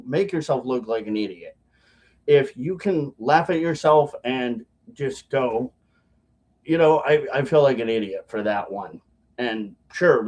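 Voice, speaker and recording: A man vlogging casually to his viewers in a halting, rambling way, talking with chewing tobacco packed in his lip. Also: medium pitch, a little mellow, a little hiss or hum. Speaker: video blogger.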